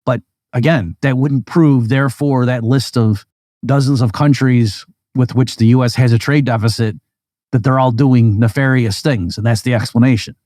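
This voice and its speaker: A man's voice: medium pitch, steady tone, normal speed, a little mellow, dry recording, clean studio sound. A man hosting a podcast, making his case in a loose, conversational explanatory monologue and often stopping to fill in with "like" and "you know.". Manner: conversational, acts out hypothetical back-and-forth arguments. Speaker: podcast host.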